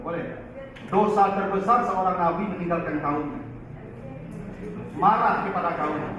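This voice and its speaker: A man teaching in a lively Quran study lecture, often turning to his listeners. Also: high voice, normal speed. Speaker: religious teacher. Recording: echoey far-off hall, dull lo-fi, faint noise.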